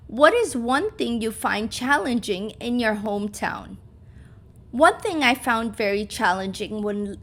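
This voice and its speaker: A woman in her thirties from Uzbekistan, reading both the questions and the prepared answers of a practice speaking exam, with small slips and restarts. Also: on the high side. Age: 30s. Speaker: English teacher. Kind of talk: reading both sides of a mock speaking test.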